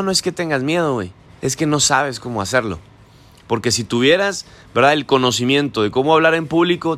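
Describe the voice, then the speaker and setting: A man with a Mexican Spanish accent hosting a podcast, giving a casual motivational monologue and often tacking on quick tag questions. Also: medium pitch, fairly bright tone.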